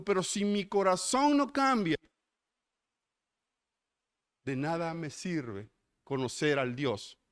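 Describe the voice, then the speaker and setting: A man's voice: sits high, clean tone. A man with a Mexican accent preaching a sermon, emphatic and full of rhetorical questions to the congregation. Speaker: pastor.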